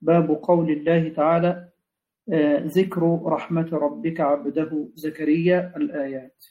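A man with an Egyptian accent follows along with a teacher, cutting in with brief corrections and reading out a note. He has a fairly high, mellow voice, and the sound is dull and muffled. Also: level tone, normal speed. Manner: short interjections and corrections. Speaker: student.

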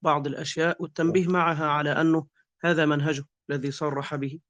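Man, Egyptian accent, patient teacher, a bit high-pitched, muffled lo-fi sound. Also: little pitch movement, fast, a bit bright, dry recording. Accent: Egyptian Arabic. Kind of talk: explaining grammar in a lesson. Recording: dull lo-fi sound.

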